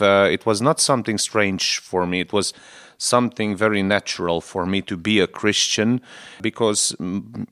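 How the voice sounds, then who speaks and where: Answering radio interview questions, this Hungarian-speaking Lutheran bishop from Transylvania, Romania, a man in his forties, gropes for words in sincere, hesitant English. He has a lowish, somewhat bright voice with a clean tone.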